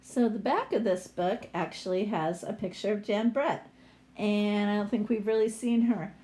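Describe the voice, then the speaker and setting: A woman with a mid-range, dark-toned voice reads a picture book aloud like a teacher, unhurried, adding explanatory asides for young listeners.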